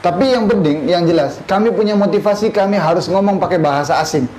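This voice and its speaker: A man in his thirties from Indonesia teaches a class, firing questions at his students and slipping Arabic phrases into his talk. His voice sits a little high. The room echoes noticeably, with a faint hum of noise behind him. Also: fast talker, darkish tone. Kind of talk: classroom lesson.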